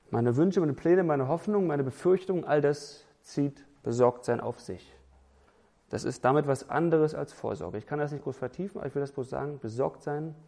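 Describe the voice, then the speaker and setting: Gravelly man preaching emphatically. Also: medium pitch, warm tone. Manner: emphatic, with lists and rhetorical questions. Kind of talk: sermon.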